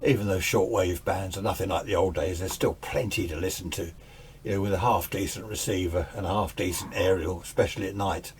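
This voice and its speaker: A deep, steady-toned voice belongs to a middle-aged radio hobbyist who talks a little fast while demonstrating gear hands-on in his home radio shack. He hosts in a casual, chatty, self-deprecating way. Hiss and background noise come from the camera's built-in microphone, and faint radio hiss and static run underneath.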